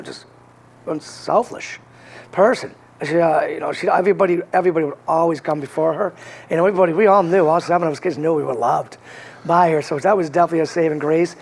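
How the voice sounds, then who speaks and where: In a relaxed interview, a Connecticut man with a faint Boston accent earnestly rambles through his life story, often restarting. His voice is on the high side, with vocal fry.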